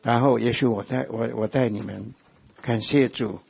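A male preacher delivers an impassioned sermon, his voice swelling into loud calls and then sinking into hushed asides. His tone is gravelly and husky. The recording sounds muffled and lo-fi. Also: mid-range voice, fairly even intonation, moderate pace. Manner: impassioned, swings between loud exhortation and soft intimate asides.

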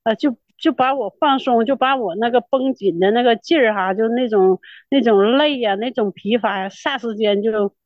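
A middle-aged woman with a Northeastern Mandarin accent gives a personal church testimony, earnest and tearful, repeating herself as she tells her story. Her voice is on the high side at a moderate pace, captured in a dull, lo-fi, dry recording.

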